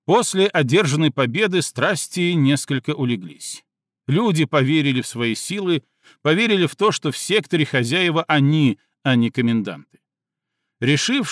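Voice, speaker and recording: A man narrating an audiobook in an even, measured reading. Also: mid-range voice, no echo, clean studio sound. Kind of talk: scripted narration.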